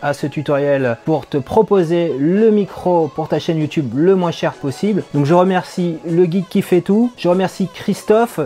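A man's voice: high voice, dark tone. A man hosting a casual tutorial, talking straight to the viewer in a chatty way with a few hesitations. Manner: chatty, addresses viewer directly, some hesitations. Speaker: YouTube tutorial host.

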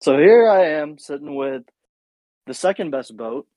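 A man's voice: fairly high pitch, expressive, a little slow, dark tone, dry recording, low-quality recording. A man co-hosting a podcast, telling a rambling, profane story in casual chat. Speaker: podcast co-host.

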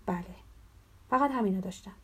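A woman narrating a novel in the first person, measured and intimate, sometimes dropping into a whisper. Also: mid-range voice, slightly rough. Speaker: audiobook narrator.

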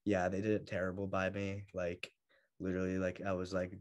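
A young man chatting in an interview, telling stories in a lively way and laughing often. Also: low voice, a little fast. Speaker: guest bodybuilder. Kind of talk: casual interview chat.

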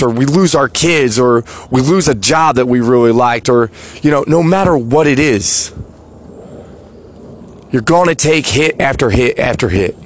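A man speaking at an unhurried, deliberate pace in a motivational podcast monologue. His voice sits at an ordinary middle pitch, and he keeps checking in with his listener through rhetorical asides. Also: slight background noise. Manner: slow, reflective, rhetorical "right?" asides. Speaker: podcast host.

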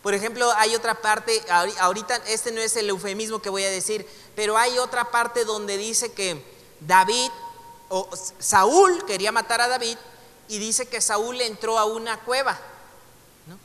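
A Mexican man with a high, bright voice teaches a relaxed Bible class. He chats with his students, jokes along the way and reads passages aloud. The sound carries a long reverb from a large room. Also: moderate pace. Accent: Mexican Spanish. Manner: conversational, joking asides, reads passages aloud. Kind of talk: casual classroom lecture.

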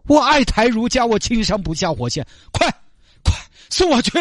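A man voicing a frazzled, stubborn working woman with a Sichuanese accent who talks in shrill, wailing pleas. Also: very animated, normal speed, fairly bright tone, no room sound, clean studio sound, heavily acted. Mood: insistent. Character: frazzled stubborn woman worker, desperate for attendance bonus.

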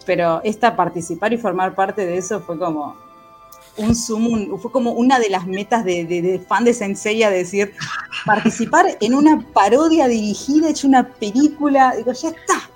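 A woman's voice: mid-range voice, moderate pace, faint music behind. A woman hosting a podcast in casual, chatty talk with frequent fillers. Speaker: podcast host. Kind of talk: casual chat.

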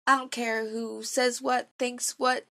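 A woman's voice: fairly high pitch, level tone, slow pace, a bit bright. A young woman giving a personal faith testimony in an earnest, emotional and self-deprecating way.

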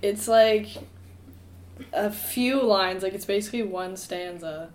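A woman's voice: medium pitch, takes it slowly, a little hiss or hum. A woman co-hosting a casual podcast chat, playfully quizzing the guest. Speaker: podcast co-host.

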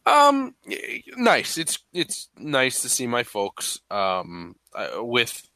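A man's voice: medium pitch, huge pitch swings, takes it slowly, creaky, bright, forceful tone, dry recording. A man with a stuffy voice hosting a podcast in a playful, casual, chatty way. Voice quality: stuffy, congested-sounding. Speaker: podcast host. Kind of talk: casual chat.

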